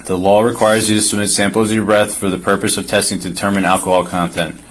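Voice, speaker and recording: Low-voiced policeman, procedural and insistent. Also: flat delivery, quick pace. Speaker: police officer. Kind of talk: formal reading of a legal form, firm instructions. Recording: body camera with faint noise.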